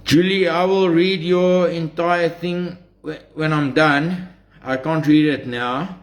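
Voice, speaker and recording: Slow-talking South African man addressing followers. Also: on the high side, fairly even intonation. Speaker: social media streamer. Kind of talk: live monologue addressed to followers.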